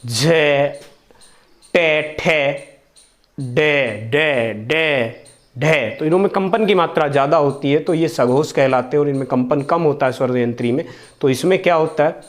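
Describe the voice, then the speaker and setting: A young man teaching a grammar lesson, speaking slowly and repeating each sound for his pupils to copy. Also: fairly high pitch. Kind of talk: online Hindi grammar lesson.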